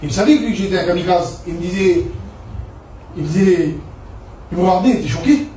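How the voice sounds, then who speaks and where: A man's voice: high-pitched, a little fast, warm tone, slight background noise. A man from Perpignan in southern France giving a fervent church testimony, telling his story with many repeated "I said" turns. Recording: echoey room picked up from a distance.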